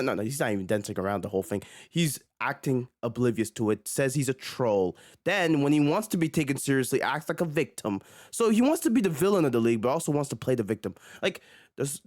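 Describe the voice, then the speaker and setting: A young man ranting heatedly about basketball from his home at night, exasperated and swinging between near-shouts and hushed mutters. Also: medium pitch, no room sound, studio quality. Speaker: sports commentator. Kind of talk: heated sports rant.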